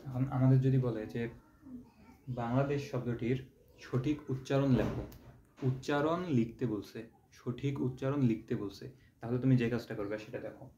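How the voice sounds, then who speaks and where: A man's voice: medium pitch, steady tone, normal speed, dark tone. A young man from Bangladesh, teaching an exam-prep lesson patiently, repeating and drawing out syllables to show them. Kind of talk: online exam-prep lecture. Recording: dull roomy home recording with faint hiss.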